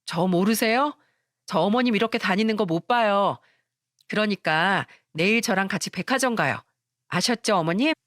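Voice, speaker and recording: A woman's voice: moderate pace, a bit bright, no room sound, studio quality, close to an everyday voice. A woman voicing a sweet-talking, two-faced young daughter-in-law with a fawning, coaxing manner in a radio story. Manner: fawning, coaxing, shrill when cornered.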